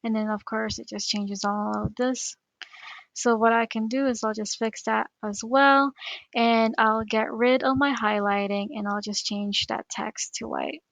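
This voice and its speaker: Speaking with vocal fry and a slightly bright, fairly high voice, this Filipino woman, a teacher coach whose native language is Tagalog, talks teachers through a screen recording at a steady, slightly slow pace. She chats along and clicks through each step. The audio is dry and rough.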